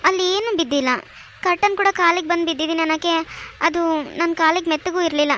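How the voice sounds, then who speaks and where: A woman's voice: very high-pitched, fairly even intonation, brisk, a bit bright, slight background noise. A woman voicing a young pregnant wife in a cartoon, anxious and pleading. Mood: explaining. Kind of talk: cartoon voice acting.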